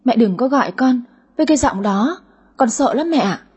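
A woman voicing a greedy, sulky daughter in her thirties with a high, whiny voice in an audio story. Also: expressive, normal speed, darkish tone, breathy edge, exaggerated voice. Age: 30s. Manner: whiny, cheeky.

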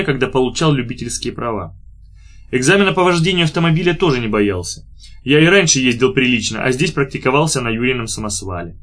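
A man narrating an audiobook in a measured, even reading voice. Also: fairly high pitch. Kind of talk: scripted narration.

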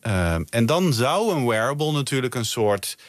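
A man's voice: medium pitch, sing-song, normal speed, no room sound. A Dutch-accented man, a researcher guest on a night radio interview, explaining thoughtfully with many fillers and restarts. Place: radio studio. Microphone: studio mic.

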